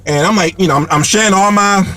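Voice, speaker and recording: A man's voice: sits high, quick pace, a little hiss or hum. A man telling a comic story in a rambling way, full of fillers and repeated words, laughing as he goes. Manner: animated, laughs between lines.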